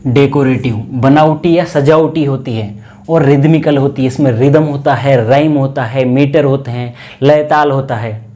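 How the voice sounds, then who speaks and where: A man with an Indian accent teaching an English class, explaining each point carefully and repeating key words as he reads the English slowly. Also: mid-range voice, fairly even intonation, mellow. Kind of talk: classroom lecture.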